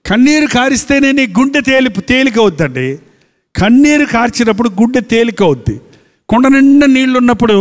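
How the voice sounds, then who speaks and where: Male pastor, high voice, emphatic sermon delivery in a reverberant hall. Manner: emphatic preaching with rhetorical questions.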